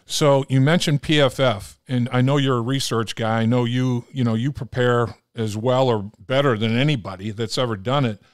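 An older man hosting a podcast interview, asking questions casually and chiming in with quick encouraging interjections. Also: mid-range voice, steady tone, clear, resonant tone, no echo, studio quality. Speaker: podcast host.

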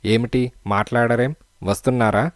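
A man reading the part of a calm, shrewd male detective in an audiobook, speaking firmly and persuasively. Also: mid-range voice, moderate pace, dry recording, studio quality, natural voice. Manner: firm, persuasive.

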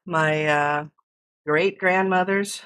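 An American woman talks through a recipe on a cooking livestream. Her voice sits a little low and unhurried. She explains each step and chats with viewers from her home kitchen. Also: steady tone, fairly bright tone. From United States. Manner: chatty, explains steps while cooking and answers chat. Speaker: cooking stream host. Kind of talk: casual cooking livestream chat.

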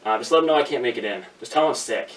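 Young male vlogger, casual deadpan ramble, mid-pitched, echoey room with the mic set back. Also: racing. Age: young adult. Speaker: vlogger and prank caller. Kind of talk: casual prank call and vlog chat. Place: small room indoors at home. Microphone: camera a few feet away. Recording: roomy echo, distant microphone.

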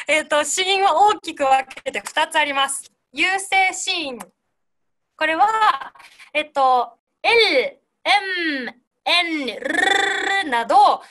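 A woman leads an online singing class over a video call. Her voice is high and bright. She explains gently and demonstrates each breath and consonant sound herself. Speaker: singing teacher.

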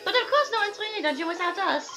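A woman voicing an excitable young French girl with a put-on French accent, high and gushing. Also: very fast. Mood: playful. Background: loud game music.

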